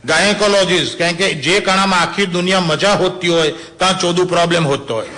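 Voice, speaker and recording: Male comic with a slightly high voice, chatty and crude, laughs at his own punchlines. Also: quick pace, bright, forceful tone, a little hiss or hum. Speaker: stand-up joke teller. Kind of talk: bawdy joke telling to a small audience.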